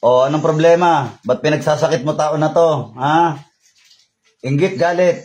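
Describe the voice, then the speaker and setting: Man, faith healer, higher voice, commanding, interrogating, chanted prayers. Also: normal speed, darkish tone. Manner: commanding, interrogating, repeats questions. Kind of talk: remote healing prayer and exorcism over a call.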